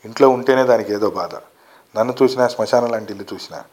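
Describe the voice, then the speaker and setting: A man's voice: fairly low pitch, fast talker, darkish tone, close to an everyday voice. A man reading the part of a poor, tearful middle-aged wife and mother as she laments to her husband in a read-aloud story. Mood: lamenting. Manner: pleading, lamenting.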